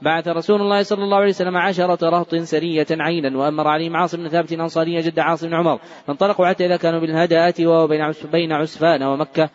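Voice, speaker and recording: Guy rattling off hadith super fast, flat steady voice, dull lo-fi sound. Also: fairly high pitch. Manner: very fast reading, restarts on stumbled words. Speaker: hadith reader. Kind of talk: rapid recitation of hadith text. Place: large mosque.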